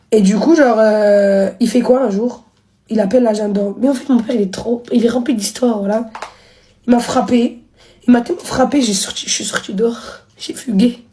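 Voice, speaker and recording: A woman in her twenties telling a personal story on a livestream in casual slang, acting out quoted lines with sudden high jumps. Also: warm tone. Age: 20s. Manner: rapid slangy talk, acting out quotes with big pitch jumps. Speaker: live streamer.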